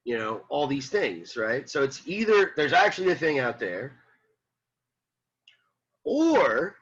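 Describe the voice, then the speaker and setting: A man lectures a philosophy class in a bright, forceful voice with a husky edge. He repeats points and throws questions at the students. The lo-fi recording sounds dull. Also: medium pitch, normal speed. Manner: animated, repeats himself, rhetorical questions to students. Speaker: philosophy teacher. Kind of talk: classroom lecture reading and explaining a text.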